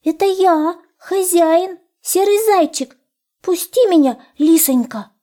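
A woman voicing a timid little male hare who pleads and laments in a high, plaintive voice. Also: takes it slowly, mellow. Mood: pleading.

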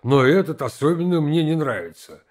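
A man voicing a stern aristocratic father in an audiobook reading, speaking in a measured way. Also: fairly high pitch, animated, darkish tone.

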